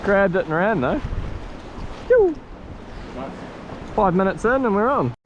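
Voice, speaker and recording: A man with a broad New Zealand accent hosting a casual fishing vlog from a rocky coast in a slangy, excitable, matey way. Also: high-pitched, takes it slowly, muffled recording. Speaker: fishing show host. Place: outdoors on a rocky coastal ledge. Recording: noisy outdoors with sea and surf. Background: waves and surf.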